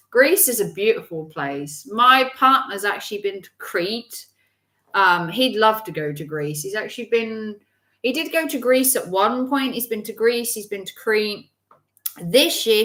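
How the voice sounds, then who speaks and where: A woman's voice: mid-range voice, pushed and bright, reverberant. A woman in her forties, chatting casually on a livestream and reading viewer comments, rambling with frequent restarts. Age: 40s. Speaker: livestream host.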